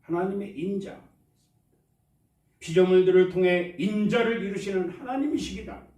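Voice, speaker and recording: A man's voice: sits high, fairly even intonation, normal speed, dark tone. A man preaching a Sunday sermon as pastor, drawing responses from his congregation. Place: church sanctuary. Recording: echoey church hall, mic at a distance.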